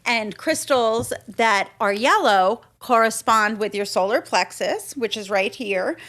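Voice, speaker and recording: A woman's voice: fairly high pitch, unhurried, a bit bright. Upbeat woman explaining on a podcast. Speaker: podcast co-host and shop owner. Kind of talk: casual podcast chat.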